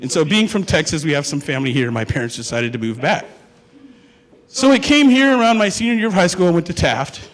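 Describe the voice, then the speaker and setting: A young Hawaiian man who is a student delivers a comic personal story to an audience, conversational and full of jokes and questions for them. His pitch is fairly high, his intonation lively, and his pace a little fast, with long hall reverb.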